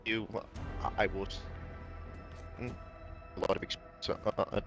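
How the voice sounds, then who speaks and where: A man's voice: fairly low pitch, flat delivery, moderate pace, highs cut off, over music. A man interviewing a wrestler, stumbling over his words with many fillers, his glitchy microphone crackling and cutting out. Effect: glitchy mic cutting out and crackling.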